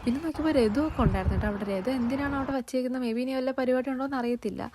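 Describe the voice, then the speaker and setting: A woman's voice: sits high, racing, background noise. A woman vlogger with a Malayali accent narrating casually, mixing some English words into her Malayalam. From Kerala, India.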